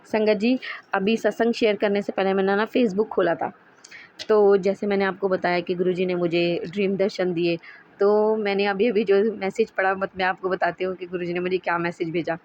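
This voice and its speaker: A woman's voice: mid-range voice, level tone, moderate pace, a little mellow. A woman tells a devotional story in a chatty, rambling way, often stopping to correct herself mid-word. When she addresses her guru she turns earnest and pleading. The recording is dull and lo-fi, with a faint hiss underneath. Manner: chatty and rambling, with frequent self-corrections and restarts. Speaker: devotee sharing a satsang testimony. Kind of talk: casual devotional storytelling to listeners.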